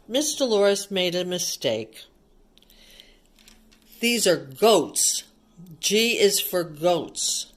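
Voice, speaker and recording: Speaking at a medium pitch, a woman shares a picture book with young children, reading it aloud in a teacherly way. She asks them easy questions and explains what's happening.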